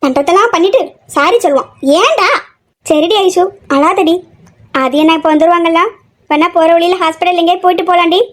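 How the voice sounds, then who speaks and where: A bossy, caring young woman, voiced by a woman, scolds her friend and fusses over others in a homemade audio drama. She talks fast and in a high voice. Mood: scolding. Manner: scolding, fussing.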